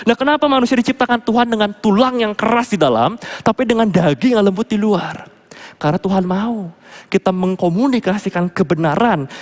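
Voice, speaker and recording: A man preaching a sermon, asking his congregation questions and slowing down low for scripture readings. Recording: long reverb of a church hall.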